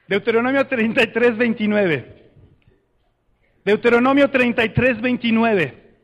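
A man preaching a lively sermon, calling young people up and leading the congregation in shouted chants. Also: very high voice, unhurried. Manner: energetic, calls people up, builds to shouted chants. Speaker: preacher leading a youth demonstration.

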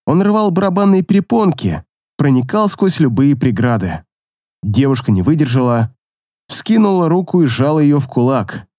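A man narrating a fantasy audiobook in a dramatic, expressive reading. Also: a little high, normal speed, no room sound, studio quality.

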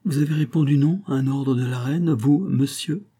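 A proud young countess, sharp-tongued and wounded, her lines lifted and tense, read by a man with a dark, husky voice. The delivery carries a steady edge of irony in this storybook reading. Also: mid-range voice, a little fast, pitched above the performer's own voice, lightly acted. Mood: bitter.

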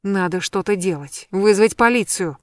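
An anxious young woman, as an audiobook reader puts her on grumbles and then frets close to tears. The voice is middle-pitched and recorded dry and close. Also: normal speed, darkish tone, dry recording, close to an everyday voice. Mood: distraught. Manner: grumbling, then upset and tearful. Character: grumpy, anxious young woman, the heroine's friend.

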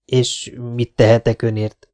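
A man's voice: mid-range voice, flat delivery, warm tone, lightly acted. A man voicing a formal, hesitant male army captain in an audiobook. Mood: polite. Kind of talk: audiobook character voice.

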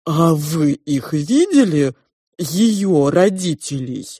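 Slow, dark-voiced pig lady, as a woman puts her on. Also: sits low, very animated, slightly rough, no room sound, studio quality, full character voice. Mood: ponderous. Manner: slow, ponderous, drawn-out speech. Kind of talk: audiobook character voice.

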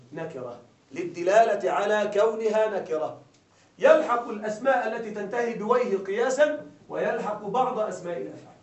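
A man teaches grammar to a class in a high-pitched, darkish voice, frequently asking questions again to check that his listeners keep up. The microphone sits far from him, capturing a dull, echoey room.

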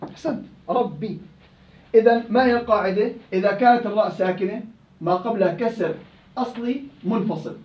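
Fast-talking Levantine male recitation teacher. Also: high-pitched, a little mellow, roomy sound, dull audio. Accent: Levantine Arabic. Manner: questioning, prompting students. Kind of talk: interactive class.

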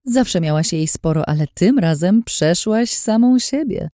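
A woman's voice: fairly low pitch, animated, measured pace, dark tone, no echo, studio quality, pitched above the performer's own voice. A woman voicing a scheming, mocking woman in an audiobook, smug and threatening, in a taunting sing-song way.

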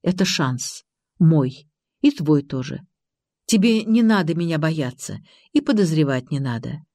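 A reader voicing a reserved young man, a wounded loner who answers in short, soft-spoken phrases, in an audiobook. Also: mid-range voice, lively intonation, a little slow, dry recording, clean studio sound. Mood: quiet. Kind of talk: audiobook character reading.

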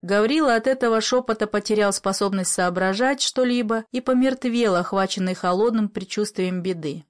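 A woman narrating a classic story aloud with measured, expressive storytelling. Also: medium pitch. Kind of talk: reading classic literature aloud.

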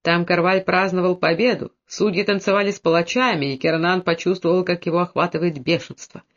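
High-voiced man reading a story aloud. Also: a little fast, highs cut off. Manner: steady storytelling, lowers voice for characters' quoted lines. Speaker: audiobook narrator. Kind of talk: scripted narration.

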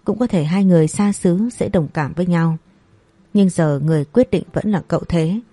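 A woman voicing a calm, thoughtful middle-aged brother-in-law who gives measured advice. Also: on the low side, no echo, natural voice.

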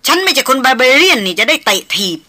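A woman playing a sharp-tongued young woman. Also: a little high. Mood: scolding. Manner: scolding, quick retorts.

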